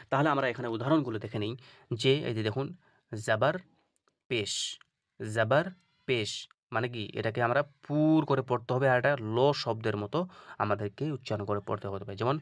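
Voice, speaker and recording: A man teaching Arabic letter pronunciation in a patient, repetitive way, often checking that students follow and stretching out example words slowly. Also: on the low side, dry recording, clean studio sound. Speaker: Quran reading teacher. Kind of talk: instructional video lesson.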